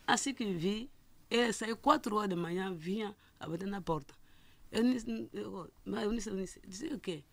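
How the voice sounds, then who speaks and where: A middle-aged woman gives a personal testimony as a listener, halting and often restarting and repeating words. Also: mid-range voice, no room sound. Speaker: listener telling her story.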